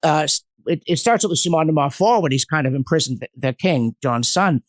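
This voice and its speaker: A man's voice: a little high, lively intonation, brisk, no room sound, clean studio sound. A man telling history in a podcast discussion, earnest and emphatic, digressing and acting out quotes as he goes. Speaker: guest commentator on history. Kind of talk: animated storytelling in a podcast discussion.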